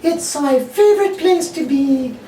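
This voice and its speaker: A woman voicing an excitable, easily exasperated female sock puppet in an amateur comic skit, with theatrical sighs. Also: high-pitched, unhurried. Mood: dreamy. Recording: echoey room, distant mic, faint noise.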